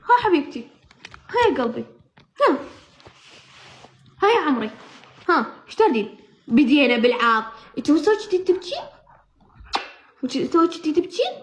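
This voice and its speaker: A woman with a very high voice whose pitch swings widely as she coos and pleads in baby talk to a pet. The room around her is echoey. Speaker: vlogger with her dog. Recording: roomy echo.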